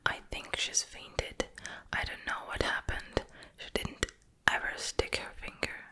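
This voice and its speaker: A woman's voice: measured pace, bright, forceful tone. A woman voicing an eager, nervous teenage boy in a whispered role-play of a storybook reading, with an anxious, defensive whisper.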